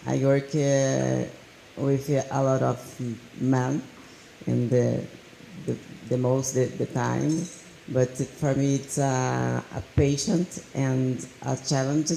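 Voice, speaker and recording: Halting woman with a gravelly voice. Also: very deep voice, mellow, a little hiss or hum. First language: Portuguese. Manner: halting, searching for words. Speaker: federation vice president, panelist. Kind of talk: panel discussion. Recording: echoey room with faint ambience.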